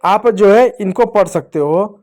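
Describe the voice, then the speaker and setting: A man's voice: sits high, measured pace, darkish tone. A man teaching English phonics to children, patiently asking the class questions and answering them. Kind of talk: explaining to children.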